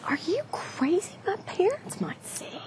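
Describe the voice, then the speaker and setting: A young woman acting a nervous, reluctant girlfriend in a commercial, with hushed, breathy urgency. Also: high-pitched, huge pitch swings, slow, a little hiss or hum, full character voice. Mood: alarmed, hushed. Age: young adult.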